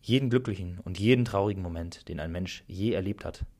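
A man reading the lines of a calm, all-knowing creator god in a spoken story, slow and explaining, with a low husky voice. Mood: solemn.

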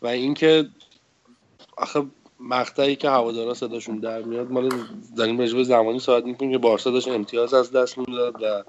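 Male podcast pundit, mid-pitched, builds detailed tactical arguments; a little dull and lo-fi. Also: little pitch movement, a little hiss or hum. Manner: long, analytical, argumentative turns. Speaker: football podcast co-host. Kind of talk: casual football analysis. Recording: slightly dull, lo-fi sound.

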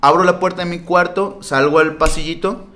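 Young Mexican man, slightly high voice, casual storyteller, lots of slang. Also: moderate pace. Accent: Mexican Spanish. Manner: slangy, animated, laughing retelling. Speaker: storyteller in a group podcast.

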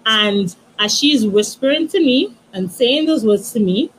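A woman in her thirties, a guest author, tells her story in a soft, halting way, with many restarts and "you know". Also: on the high side, lively intonation, a little hiss or hum, rough recording. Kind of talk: emotional personal storytelling.

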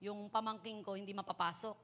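A woman's voice: medium pitch, fairly even intonation, a little fast, fairly bright tone. A woman preacher giving a chatty, joking sermon and mixing in English phrases.

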